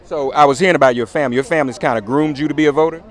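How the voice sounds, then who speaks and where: A man's voice: a little high, fairly even intonation, very fast. A man hosting street interviews, asking direct, blunt questions outdoors at an election event. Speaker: host and street reporter. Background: crowd.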